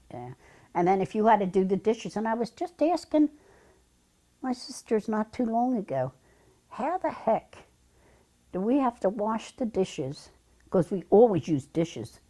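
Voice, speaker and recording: An older woman from Philadelphia describes her childhood routines in an interview. Her voice is mellow and warm, and she speaks in a plain, matter-of-fact way, full of small details. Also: on the low side. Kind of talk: reminiscing interview.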